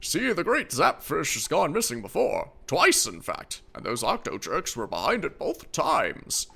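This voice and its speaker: A man voicing a grumpy, excitable, folksy old captain as he reads out video game dialogue in an old man voice. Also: on the high side, a little slow, creaky, husky, pitched above the performer's own voice, heavily acted. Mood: grumbling. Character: excitable, folksy old male captain, forgetful veteran recruiter. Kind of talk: reading video game dialogue aloud in character.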